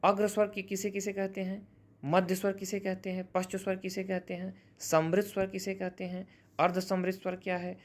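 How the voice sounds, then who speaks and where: A man's voice: high voice, monotone, a little fast. A man teaching a grammar lesson who explains patiently, often restates terms, and corrects himself mid-sentence. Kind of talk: classroom-style grammar lesson.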